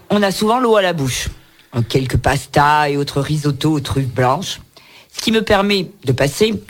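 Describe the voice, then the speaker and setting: A radio book show host presents a cookbook on air, chatting away with playful asides. His voice is fairly high, and there's a little hiss or hum.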